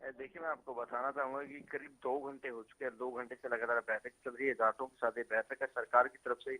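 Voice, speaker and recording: A male field reporter phoning in a news update, talking quickly and loosely from the scene. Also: mid-range voice, flat delivery, sharp tone. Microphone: phone line. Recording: tinny phone line.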